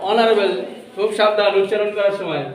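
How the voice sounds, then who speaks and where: A man teaches grammar to a class, firing questions and echoing back the answers. His voice sits high, and the classroom around him rings with strong echo. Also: fairly even intonation, moderate pace, crowd noise. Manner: asks questions and repeats answers. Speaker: English teacher. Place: coaching classroom. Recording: very echoey classroom.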